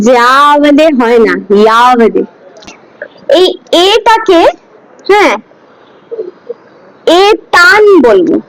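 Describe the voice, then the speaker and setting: A woman with a very high voice leads a class through scripture pronunciation. She speaks slowly, drilling each syllable patiently and having students repeat after her. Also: rough recording. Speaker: Gita teacher. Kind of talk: slow pronunciation lesson.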